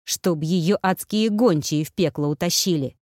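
Brief: female audiobook narrator, low voice, steady delivery, dry close mic. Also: measured pace, no room sound. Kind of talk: scripted narration.

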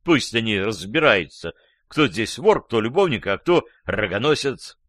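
Мужчина изображает язвительного ревнивого любовника. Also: male voice, lowish voice, big pitch swings, a little slow, a bit bright, dry recording, studio quality. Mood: mocking, angry. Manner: sarcastic, gloating. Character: angry mocking man, jealous lover.

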